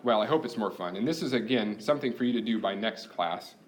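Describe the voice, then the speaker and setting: This university instructor covers course logistics in a classroom lecture, going step by step in a practical, talkative style. He talks fast and expressively in a lowish voice, with a little hiss or hum on the recording.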